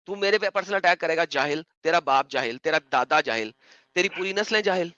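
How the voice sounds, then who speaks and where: Sharp, bright-voiced mocking debater man. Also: on the high side, lively intonation, no room sound, lo-fi sound. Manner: mocking, insistent, repeats his questions. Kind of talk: heated online debate.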